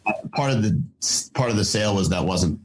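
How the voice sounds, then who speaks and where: A man's voice: on the low side, animated, a little fast, low-quality recording. A middle-aged man, a guest on a podcast, talking casually and thoughtfully with lots of fillers and restarts. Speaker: podcast guest, fitness company founder. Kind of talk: casual interview talk.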